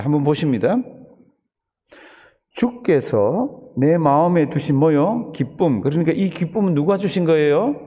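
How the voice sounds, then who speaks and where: A man's voice: on the high side, warm tone. A man preaching a dawn sermon as pastor, asking the congregation questions and answering them himself. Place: church sanctuary. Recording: long church hall reverb.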